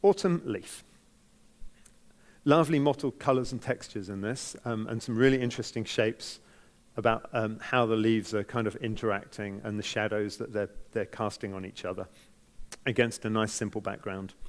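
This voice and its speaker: A man with a New Zealand accent judges a competition, improvising feedback in a slow, tentative way and tempering any criticism. His pitch is fairly low.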